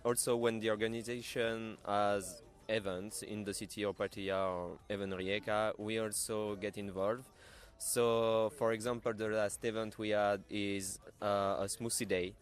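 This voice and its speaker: A man's voice: lowish voice, little pitch movement, moderate pace, hardly any pauses. A man in his twenties with a French accent, plainly explaining his volunteer work in a radio interview. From France. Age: 20s. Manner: explains plainly, uses "basically". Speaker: guest volunteer.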